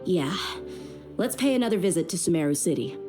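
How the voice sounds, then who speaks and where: She's lowish-voiced and fairly quick, with lively intonation that stays close to everyday speech, as music plays in the background. The role is again a young woman working as a mercenary bodyguard in a game, delivered in a blunt, plain-spoken way.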